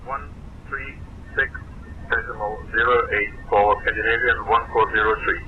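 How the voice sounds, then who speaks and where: Lower-voiced man on a tinny pilot radio. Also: fairly even intonation, normal speed. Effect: pilot radio from a cockpit headset. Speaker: airline pilot reading back a frequency. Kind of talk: terse radio readback. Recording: tinny radio line with static.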